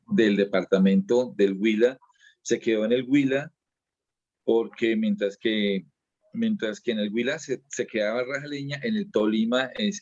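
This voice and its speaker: A man's voice: lowish voice, darkish tone, no echo, muffled recording. A man, a dance teacher being interviewed, explaining at length in a casual way and often restarting and repeating his words.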